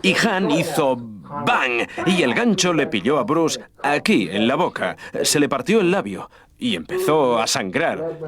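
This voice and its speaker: A man being interviewed, telling an anecdote in an animated way and acting out the sounds of punches. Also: fairly high pitch, a little slow. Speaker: interviewee recounting a film set. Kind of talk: personal anecdote. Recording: crowd noise in the background.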